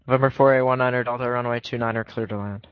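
A man working as an air traffic controller, issuing clearances in clipped radio phraseology. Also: mid-range voice, fairly even intonation, quick pace, no room sound. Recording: dull lo-fi radio audio.

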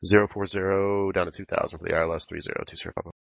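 A man's voice: low-pitched, flat delivery, very fast, gravelly, fairly bright tone, dry recording. A man making clipped pilot radio calls over a cockpit-style headset in a flight simulation. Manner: clipped aviation phraseology. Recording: dull, band-limited radio audio.

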